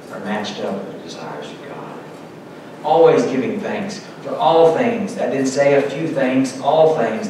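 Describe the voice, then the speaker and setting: A middle-aged man preaches at a church pulpit, his medium-pitched voice emphatically reading scripture with earnest conviction. The indoor sanctuary recording is distant and echoey, with background noise.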